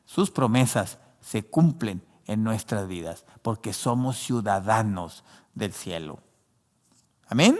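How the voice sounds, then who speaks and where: Slow and lively, with a low, somewhat dark voice, a male pastor preaches in a large, reverberant room. Spanish isn't his native tongue; he calls listeners "hermano," restarts often and uses many fillers.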